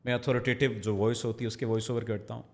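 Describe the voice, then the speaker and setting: A man, a voice-over artist giving a reflective podcast interview, measured, quoting poets and slowing down for emphasis. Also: mid-range voice, little pitch movement. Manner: measured, quotes poets and sayings, slows for emphasis.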